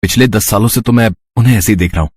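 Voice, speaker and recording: A young man with a husky, somewhat low voice voices male figures for a cartoon story. He sounds playful and stammers when caught off guard. The recording is dry and close. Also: very fast, a little mellow, dry recording. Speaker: voice actor for several male figures.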